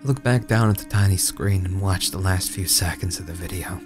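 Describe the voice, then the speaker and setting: A man reading a first-person horror story dramatically, in a brooding, hushed, halting delivery with dramatic pauses. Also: deep voice. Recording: music bed under the voice. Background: background music.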